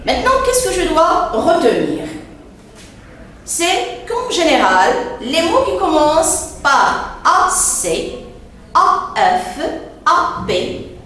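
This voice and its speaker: Woman teacher, high and lively pitch, slow and patient, spells words out letter by letter; very echoey room, mic at a distance. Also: slight background noise. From Morocco. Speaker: primary school teacher. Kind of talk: spelling lesson.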